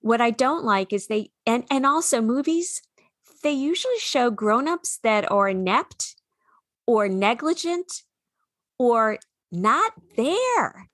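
A woman's voice: on the high side, sing-song, slow, a bit bright, no echo, clean studio sound. A woman children's author from New England with a New England accent, talking earnestly and reflectively in an interview, often restarting her sentences. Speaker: children's book author and speaker. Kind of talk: conversational interview.

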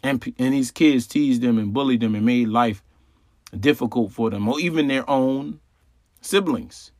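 In a dry, clean studio recording, a male astrology channel host explains things in a relaxed monologue. His mid-range voice has a darkish tone and moves at a moderate pace, and he keeps repeating phrases and asking rhetorical questions.

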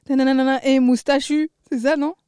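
A woman's voice: sits high, level tone, normal speed, mellow, dry recording, clean studio sound. A young woman, co-host in an easygoing casual chat. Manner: easygoing, laughs along.

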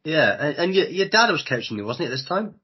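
A man's voice: a little high, very animated, fast, breathy edge, lo-fi sound. A man hosting a podcast, introducing and questioning his guest in a conversational interview style.

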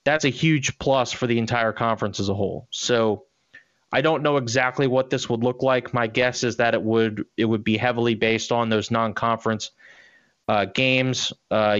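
Podcast co-host, man, 30s, blunt and opinionated, slightly low voice, dry muffled recording. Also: a bit bright, clean tone, dry recording. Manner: opinionated, blunt, restarts a lot. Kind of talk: casual sports talk.

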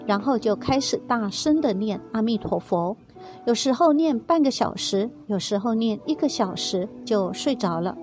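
A woman's voice: a little high, lively intonation, normal speed, darkish tone, soft background music. A woman reading a first-person testimony aloud in a tender, earnest storytelling manner.

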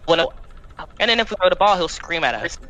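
A woman's voice: lowish voice, sing-song, quick pace, a bit bright. A woman chatting loosely as a player over a headset voice call, her audio glitching and breaking up. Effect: glitchy, breaking-up, crunchy digital audio. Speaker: tabletop game player. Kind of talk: casual chat over a voice call.

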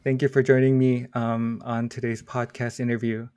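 A man's voice: medium pitch, level tone, moderate pace, mellow, slight background noise. A man hosting a podcast, reading formal guest introductions with small stumbles. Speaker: podcast host.

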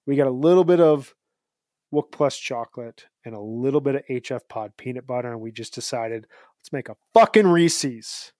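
A man's voice: mid-range voice, a little fast, warm tone, dry recording, clean studio sound. A man in his thirties co-hosting a podcast, chatting in an upbeat, rambling, jokey way. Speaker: podcast co-host. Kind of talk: casual podcast chat.

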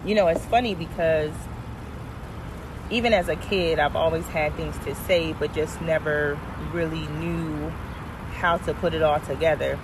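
A woman with a deep voice speaks at a measured pace and a steady tone, hosting a podcast outdoors on location. She talks directly to her listeners in a casual, friendly, conversational way while traffic is clearly audible behind her.

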